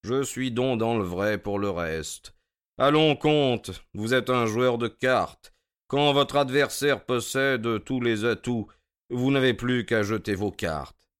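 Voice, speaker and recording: Voicing a confident, coolly ironic detective for a radio drama, this man needles with calm precision. He speaks slowly in a natural, mid-range voice that is smooth and resonant.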